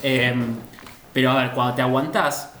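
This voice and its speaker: A man's voice: medium pitch, level tone, moderate pace, a bit bright. A man with a Rioplatense Spanish accent hosting a casual comedic podcast, joking and checking in with "¿sí?" as he reads a list. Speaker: podcast host. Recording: echoey room, faint noise.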